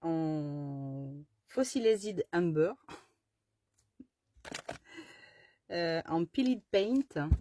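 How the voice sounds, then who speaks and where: A woman's voice: deep voice, expressive, drawn-out words, pauses often, warm tone, no room sound. A woman chatting casually through a haul of her craft supplies, rambling with lots of fillers and restarts and fumbling English product names. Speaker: craft vlogger. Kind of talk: casual haul show-and-tell.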